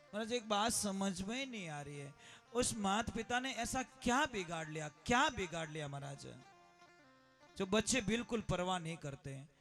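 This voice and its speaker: A man's voice: high voice, expressive, moderate pace, a bit bright, faint music behind. A man preaching a moral sermon at a conference, acting out family stories with dramatic shifts in voice. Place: education conference hall.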